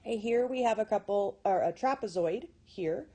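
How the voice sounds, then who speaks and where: A woman's voice: mid-range voice, animated, normal speed, warm tone. A woman teaching a recorded math lesson. She talks in a chatty way, often corrects herself and checks in with "okay?".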